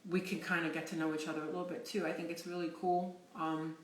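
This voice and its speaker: A woman's voice: low voice, flat delivery, fast. A middle-aged woman casually telling rambling personal stories on a livestream, swearing freely as she goes. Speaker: livestream host. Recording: roomy echo.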